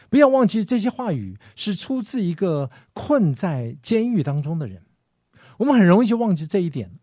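Guy preaching, really expressive, loud then soft, lots of pitch swings, dry mic. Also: dry recording. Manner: emphatic, expressive delivery with sharp swings in loudness. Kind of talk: sermon.

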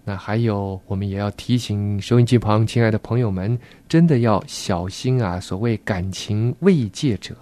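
Relaxed male radio host, mellow tone. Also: on the low side, normal speed, hardly any pauses. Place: radio studio.

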